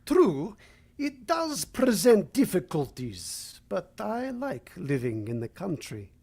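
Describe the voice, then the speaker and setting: A courtly vampire count from old-time radio drama, played by a woman. The voice is breathy and rough, unhurried yet richly inflected. Every phrase is formal and suave, with a sinister edge. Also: lowish voice, wildly swooping pitch, dark tone, exaggerated voice. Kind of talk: vintage radio drama acting.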